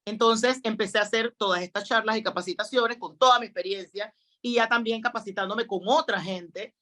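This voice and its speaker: A middle-aged woman, a guest on a talk show, telling her stories in an expressive, quick, anecdotal way. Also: a little high. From Panama. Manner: expressive, quick anecdotal delivery with acted quotes. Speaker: guest, public speaking trainer. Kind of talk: animated storytelling in a talk show interview.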